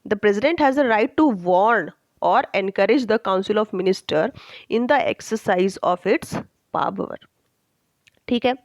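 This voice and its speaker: A woman teacher explaining a textbook chapter, reading English lines slowly and checking in often with her students. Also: medium pitch, dry recording, low-quality recording. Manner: slow, deliberate reading of English lines, with frequent check-ins.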